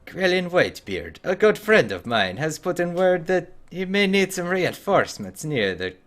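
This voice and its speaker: A man voicing a brisk woman quest giver in a fantasy game, polite but dismissive. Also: high voice, sing-song, fairly bright tone, voice pushed up.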